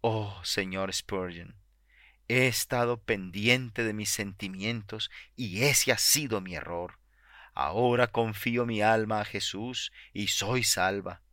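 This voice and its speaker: A man's voice: medium pitch, lively intonation, a little slow, sharp tone, dry recording. Give me an earnest, pleading fifty-year-old woman close to tears, read by a man. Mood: tearful.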